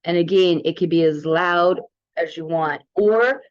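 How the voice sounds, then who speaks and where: A woman gives an informal, somewhat rambling demo of a wellness app as a presenter. Her fairly low voice is clear and resonant and she takes her time, though the recording itself is dull and lo-fi.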